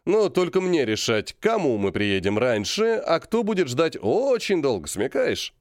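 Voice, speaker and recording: A man's voice: fairly high pitch, sing-song, a little slow, no room sound, clean studio sound, voice pushed up. A man voicing a jovial, scheming middle-aged colonel who banters and stretches words for emphasis. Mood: bantering.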